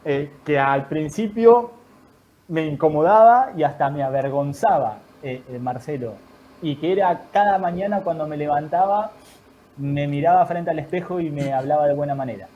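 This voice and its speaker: A man, a guest in an online talk, giving calm, thoughtful advice in measured explanatory phrases. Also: fairly high pitch, muffled recording. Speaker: guest speaker.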